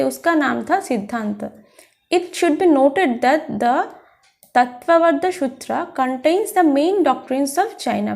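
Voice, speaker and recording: A high-pitched woman teaches an exam-prep history lesson. She reads passages word by word, then explains them in Hindi at an unhurried pace. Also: darkish tone. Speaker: history lecturer.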